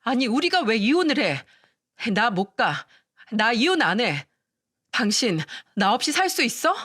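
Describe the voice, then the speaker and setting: A woman doing a shrill, entitled young wife. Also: sing-song, a little slow, a bit bright, no echo, clean studio sound, heavily acted. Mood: desperate.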